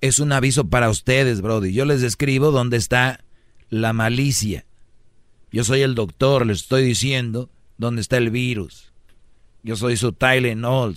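A man's voice: medium pitch, dry recording, studio quality. A man with a Mexican accent doing a comic, preachy advice monologue as a radio host. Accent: Mexican Spanish. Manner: brash, preachy, mimics voices for jokes.

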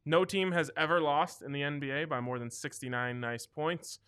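A man's voice: a little high, normal speed, a bit bright, clean tone. A man hosting a sports betting show in a casual, conversational style.

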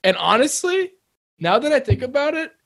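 A young man co-hosting a casual sports podcast, talking in an excitable, rambling, jokey way. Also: very high voice, moderate pace, dry recording, clean studio sound. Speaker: podcast co-host. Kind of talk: casual chat.

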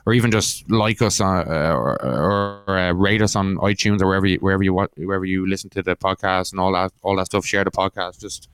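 A man's voice: low-pitched, fairly even intonation, brisk, hardly any pauses, a bit bright, smooth, no echo. A man co-hosting a podcast in casual chat, hesitant and understated, often restarting his phrases. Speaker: podcast co-host and MMA analyst.

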